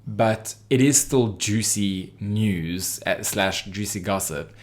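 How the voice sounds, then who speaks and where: A man's voice: lowish voice, slow pace. A man co-hosting a casual podcast chat, gossipy and hesitant, with lots of fillers and restarts. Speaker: podcast co-host.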